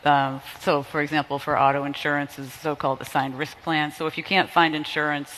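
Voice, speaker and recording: A woman's voice: deep voice, flat delivery, brisk, fairly bright tone, big-room sound, a little hiss or hum, low-quality recording. A woman from the United States answering as a conference panelist, frank and wry. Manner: frank, wry, laughs at her own points.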